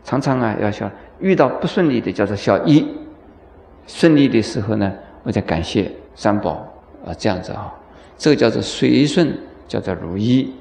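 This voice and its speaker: A man's voice: lowish voice, lively intonation, moderate pace, gravelly, a little mellow, roomy sound, a little hiss or hum. A Buddhist monk teaching a dharma lecture, telling stories and acting out dialogue with chuckles, often asking his listeners questions. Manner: storytelling, acts out dialogue with chuckles; asks the audience questions.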